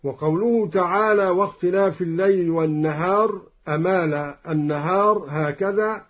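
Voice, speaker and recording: A man teaching the readings of sacred verses, explaining each point in a measured voice and then chanting the verse melodically. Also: sits high, breathy edge. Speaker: Quran recitation teacher. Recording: dull lo-fi recording.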